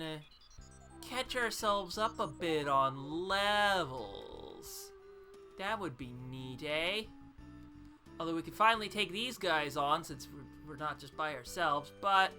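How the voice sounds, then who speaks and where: A woman hosts a let's-play in a bright, lively voice that swings up and down a lot. She chats casually, thinking aloud with plenty of fillers, over faint game music. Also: on the low side. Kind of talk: casual gameplay commentary.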